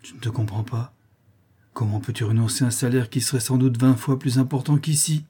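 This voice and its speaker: A man's voice: medium pitch, steady tone, brisk, dark tone, breathy edge. A man reading an audiobook, voicing a proud, curt widowed mother in a raised voice. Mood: scolding. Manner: curt and scolding. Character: stern widowed mother, sharp-tongued, proud.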